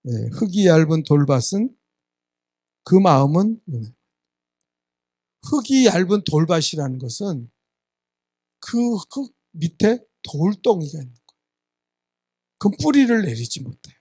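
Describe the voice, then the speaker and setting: A man's voice: high-pitched, big pitch swings, measured pace, pauses often, mellow, dry recording, studio quality. A man preaching a sermon as a church's senior pastor, emphatic and prodding his listeners, sometimes acting out congregants' voices. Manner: acts out congregants' voices in asides. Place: church sanctuary.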